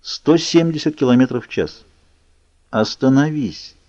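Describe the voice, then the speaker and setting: A calm young female vampire, as a male reader puts her on, speaking quietly and evenly. His voice stays dark and the sound is muffled and dry. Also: mid-range voice, a little fast, dry recording. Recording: muffled lo-fi recording.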